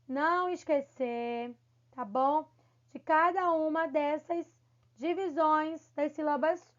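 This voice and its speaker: High-voiced encouraging woman teacher. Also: lo-fi sound. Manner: encouraging, affectionate, repeats "tá bom?". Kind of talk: recorded online lesson for children.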